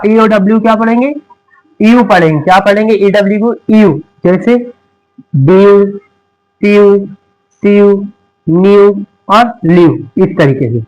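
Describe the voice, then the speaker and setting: A man teaching an English reading lesson at a board, repeating questions and answering them himself, slowing down to spell out letters. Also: high-pitched, low-quality recording. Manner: repetitive call-and-response questioning; emphatic, slows down to spell out letters.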